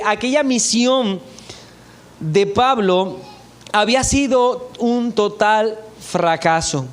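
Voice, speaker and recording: High-voiced man preaching a sermon. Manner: measured expository preaching, reads scripture aloud. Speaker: pastor. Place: church.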